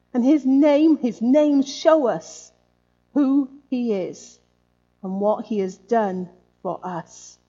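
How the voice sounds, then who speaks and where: A woman's voice: high voice, mellow, dull audio. A woman preaching a sermon in a conversational way, often adding tag questions.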